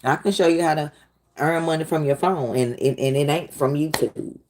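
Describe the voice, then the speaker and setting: A woman's voice: sits low, normal speed, noisy background. A woman hosting a casual livestream, talking back to her chat in a sassy way. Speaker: livestream host.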